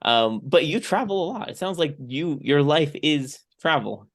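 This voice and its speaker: His voice a little off as he recovers from strep throat, a young podcast host rambles chattily with fillers. He's on the high side, animated and a bit bright, speaking at normal speed.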